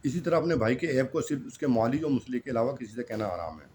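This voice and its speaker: Man giving a sermon, mellow voice. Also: mid-range voice, animated, slight background noise. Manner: admonishing, rhetorical questions, repeats lines for emphasis. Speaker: preacher.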